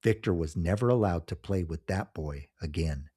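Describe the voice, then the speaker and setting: A man narrating a scripted horror story in a measured, solemn storytelling manner. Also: sits low, warm tone, slightly rough.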